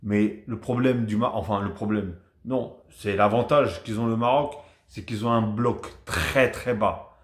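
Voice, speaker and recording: A man from France giving a casual, rambling football match debrief to his viewers, chatty and animated. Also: fairly low pitch, unhurried, roomy sound. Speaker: football vlogger.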